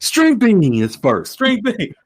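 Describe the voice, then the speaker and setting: A man hosting an online group call, animated and exclaiming often. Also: high-pitched, slow pace. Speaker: host.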